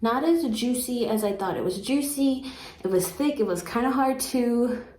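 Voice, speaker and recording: Woman, houseplant vlogger, casual and chatty, fairly high pitch, roomy echo. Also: normal speed. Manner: chatty and excitable, talks to her plant. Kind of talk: casual chat to camera. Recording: echoey room with faint background noise.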